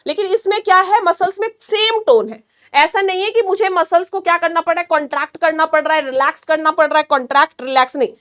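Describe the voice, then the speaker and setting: High-voiced woman teaching nursing. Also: fairly bright tone. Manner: asks the class questions, then answers them herself; explains slowly with hand demonstrations. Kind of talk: online class lecture.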